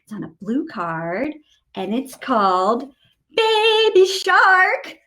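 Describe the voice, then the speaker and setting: Hosting a live read-aloud and sing-along, a woman talks directly to young children and quizzes them with questions. Her voice is high-pitched and sharp, with big pitch swings and a slow pace, and she reads and sings in a playful, overdone sing-song manner.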